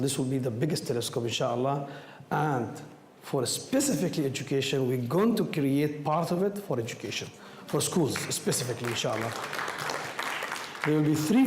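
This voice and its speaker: A man with a hoarse, worn-out voice from a cold, speaking non-native English haltingly as he takes questions in a public talk. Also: on the high side, darkish tone. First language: not English. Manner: halting, repeats words and phrases. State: hoarse from a cold, voice nearly gone. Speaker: speaker from an astronomy group taking audience questions. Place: indoor room with audience. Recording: echoey room, some background noise.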